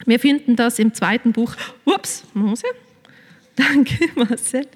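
A woman's voice: on the high side, slow. A woman preaching a sermon in a casual storytelling way, with many fillers. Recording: long reverb of a large hall.

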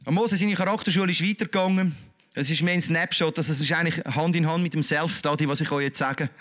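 A man's voice: fairly high pitch, steady tone, fast talker, fairly bright tone. A man with a Swiss German accent preaching a sermon in a colloquial, emphatic, repetitive way.

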